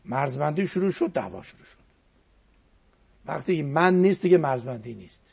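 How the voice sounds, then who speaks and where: Man, cleric, reflective religious talk, gravelly voice, very husky, quotes verse. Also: on the high side, expressive, a little mellow.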